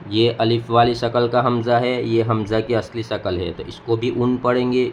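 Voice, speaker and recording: Patient male reading teacher drilling letter sounds one at a time, mid-pitched voice, light room noise. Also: rough recording. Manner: patient, repeats syllables one by one. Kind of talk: slow spoken lesson, drilling letter sounds.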